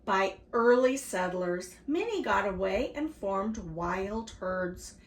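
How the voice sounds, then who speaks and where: A woman's voice: mid-range voice, animated, slow pace. A woman reading a storybook aloud and voicing the patient mother of the family on a desert hike. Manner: patient, explaining. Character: a mom on a desert hike, explaining. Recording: roomy echo, faint background hiss.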